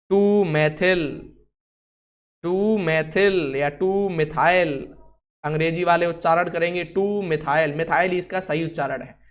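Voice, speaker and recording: A man teaching a chemistry class, asking the students questions and answering them himself, and telling someone else what to write on the board. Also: fairly high pitch. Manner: instructs someone writing on the board. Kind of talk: classroom lesson.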